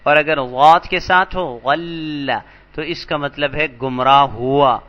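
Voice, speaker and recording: A man teaching an Arabic grammar lesson, patient and slow, repeating each word for emphasis. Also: fairly high pitch, dull audio. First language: Urdu. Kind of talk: lecture explaining vocabulary.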